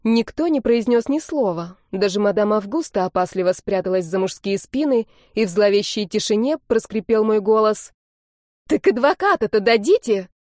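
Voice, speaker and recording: A woman reading an audiobook in the first person with a mellow, warm voice. Her telling is lively and expressive, recorded close with a dry sound. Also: mid-range voice, moderate pace, few pauses, no echo. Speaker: audiobook narrator. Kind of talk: first-person scripted narration.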